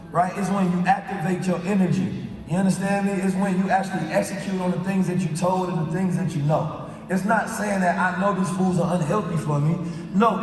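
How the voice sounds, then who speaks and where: Man, high voice, preachy host, roomy hall sound, set back from the mic. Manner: preachy, repeats "right?" as a tag. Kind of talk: motivational talk to a live audience. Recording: echoey hall, speaker far from mic.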